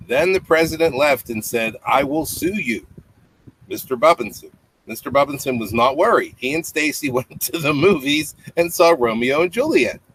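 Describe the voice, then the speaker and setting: With a fairly high, slightly bright voice, a man in his fifties reads a children's bedtime story at a moderate pace, animated throughout and adding simple asides for young listeners. He is a parent, recording in a small home room with a low tiled ceiling. The webcam audio is clearly noisy, with clicks.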